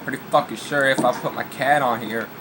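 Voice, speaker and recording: A man giving rambling, casual commentary over his game, swearing often and chatting to his cat, his voice worn from yelling. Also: medium pitch, steady tone, a little fast, noisy background. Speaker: gaming YouTuber.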